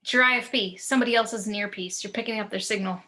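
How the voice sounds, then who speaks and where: A man's voice: sits high, very fast, sharp tone, pitched above the performer's own voice. A man voicing a curt, matter-of-fact female sniper.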